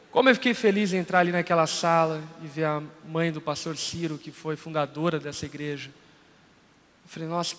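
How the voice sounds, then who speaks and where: High-voiced Brazilian preacher in a reverberant hall. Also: male voice, a bit bright. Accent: Brazilian Portuguese. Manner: storytelling preacher, acts out dialogue. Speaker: pastor. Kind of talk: sermon. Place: large church hall.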